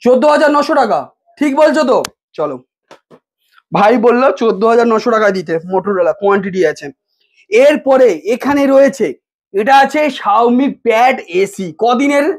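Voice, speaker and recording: A man from West Bengal doing a promotional sales pitch inside a phone shop, teasing viewers with rhetorical price questions. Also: lively intonation, normal speed. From West Bengal, India.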